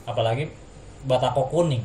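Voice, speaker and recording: A man, a guest recounting events in relaxed casual chat, often agreeing. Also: medium pitch, normal speed, a little hiss or hum. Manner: relaxed, agreeing backchannels, retells dialogue. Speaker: guest storyteller. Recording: echoey room with music underneath.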